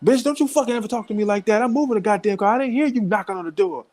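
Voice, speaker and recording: A man voicing an angry, foul-mouthed woman neighbor who cusses someone out loudly. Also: high voice, rapid-fire, voice pushed up, natural voice. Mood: furious. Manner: cussing, loud and outraged.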